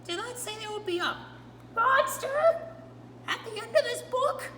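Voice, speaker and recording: A woman voicing Grover, a timid furry male monster who frets loudly and begs the listener, recorded far from the mic in a roomy space with a steady hum. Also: very high voice, a little slow, exaggerated voice. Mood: excited, scared. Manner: loud, fretful, begging the listener.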